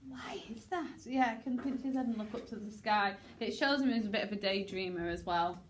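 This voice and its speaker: A woman drama teacher directing a rehearsal in a classroom, brisk and encouraging as she suggests actions. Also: medium pitch, a little hiss or hum.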